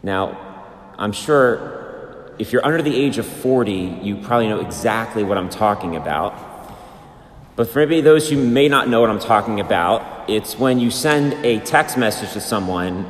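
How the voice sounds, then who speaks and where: Low-voiced priest in cathedral echo. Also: male voice, expressive, normal speed, soft background music. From United States. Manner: chants the liturgical greetings. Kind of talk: sermon and liturgical reading. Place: large church, amplified in a reverberant space. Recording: cathedral echo, long church reverb.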